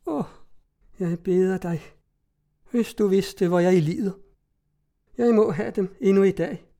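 A man's voice: high-pitched, dark tone, voice pushed up, lightly acted. A man voicing a frightened young woman who pleads in a trembling, hesitant voice. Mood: desperate pleading.

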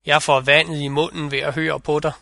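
A man's voice: fairly high pitch, little pitch movement, vocal fry, sharp tone, no room sound, studio quality. A man voicing a stern, threatening old female spirit, mother of the winds, in a fairy-tale reading.

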